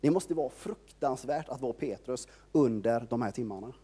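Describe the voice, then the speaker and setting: A man's voice: mid-range voice, dark tone, husky. A man preaching an informal sermon, retelling a Bible story in a conversational storytelling way and leaning heavily on filler words.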